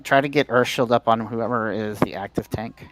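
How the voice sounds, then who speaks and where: A man leading a raid in gaming voice chat, giving calm directions with hesitant ums over a headset. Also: on the low side, normal speed, dry recording, low-quality recording. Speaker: raid leader.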